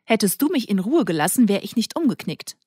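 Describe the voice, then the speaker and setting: A woman's voice: medium pitch, very animated, fairly quick, dark tone, slightly rough, no room sound, clean studio sound. A woman voicing a prickly teenage girl who snaps back and stammers when flustered, in an audiobook. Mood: indignant. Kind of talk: audiobook character voice.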